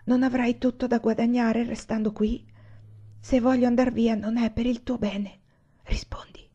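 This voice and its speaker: A woman voicing a desperate young woman who pleads in hushed whispers, as whispered role-play. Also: a little high, little pitch movement, normal speed, breathy edge, pitched above the performer's own voice. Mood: humble pleading. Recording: dull lo-fi recording.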